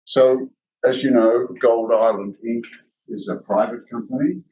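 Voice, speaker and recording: Aussie guy pitching to investors, gets excited and talks quick, sounds far off in a big echoey room. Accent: Australian. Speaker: company executive presenting. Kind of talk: investor presentation. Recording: roomy, distant, dull lo-fi sound.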